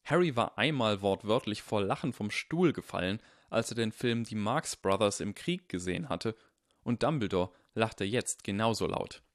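A man narrating an audiobook in an even, measured storytelling manner. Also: on the low side, dry recording, clean studio sound. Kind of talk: scripted narration.

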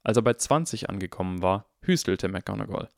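Guy reading an audiobook, steady and even, lowish voice, very dry booth sound. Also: vocal fry, no echo. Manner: calm, even, measured storytelling. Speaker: audiobook reader. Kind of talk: scripted narration.

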